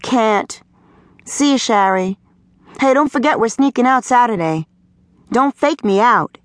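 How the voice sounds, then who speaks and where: A woman's voice: on the high side, expressive, unhurried, no echo, pitched above the performer's own voice. A woman voicing a spunky young girl who talks with sass and attitude in an audiobook. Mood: eager. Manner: whiny, pleading, sassy attitude.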